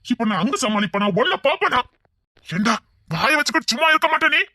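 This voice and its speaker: A man's voice: very high-pitched, lively intonation, fast, sharp tone, no echo, clean studio sound, exaggerated voice. A man with a Tirunelveli Tamil accent playing a stern elder brother who scolds and pleads with his younger brother. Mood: scolding.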